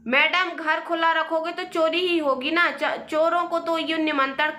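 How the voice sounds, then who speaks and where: A woman's voice: very high voice, fairly even intonation, unhurried, pushed and bright, full character voice. A woman doing a mocking police inspector. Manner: mocking, offhand.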